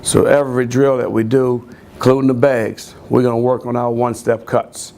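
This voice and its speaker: A man's voice: mid-range voice, level tone, moderate pace, dark tone, slight background noise. A man coaching running backs, explaining drills step by step in a plain, repetitive way. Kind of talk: coaching instruction.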